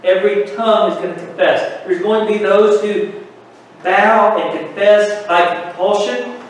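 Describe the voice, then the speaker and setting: A man's voice: high-pitched, fairly even intonation, unhurried, a little hiss or hum. A man preaching a sermon with emphatic rhetorical questions, recorded from far off in an echoey room.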